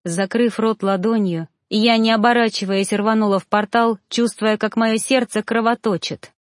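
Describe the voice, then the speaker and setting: A woman's voice: on the high side, fairly even intonation, normal speed, no echo, studio quality. A woman reading a first-person novel aloud as an audiobook narrator, with an emotional, dramatic delivery.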